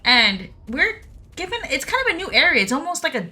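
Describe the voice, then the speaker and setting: A woman's voice: high-pitched, sing-song, a little fast, sharp tone. A young woman co-hosting a podcast, chatting in a friendly way and reading out contact details. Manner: friendly, chatty, reads listener email info. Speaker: podcast co-host. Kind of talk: casual chat.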